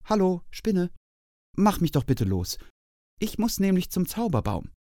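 A man's voice: high voice, sing-song, unhurried, mellow, dry recording, studio quality, voice pushed up, heavily acted. A man doing a timid little hare. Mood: brave. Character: timid young male hare, anxious.

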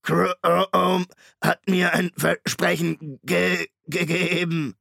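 A towering undead machine stalker, speaks in a high, stuttering, creaking drawl, each word dragged out slowly and pushed out loud, as if from a broken tape. The audiobook sound is dry, close and gravelly. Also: male voice, flat delivery, no echo, heavily acted. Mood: menacing. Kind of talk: audiobook reading.

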